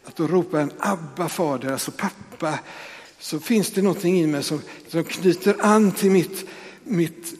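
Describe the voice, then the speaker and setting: A pastor giving a conversational sermon in a church, with frequent tag questions and restarts. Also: male voice, a little high, darkish tone, big-room sound.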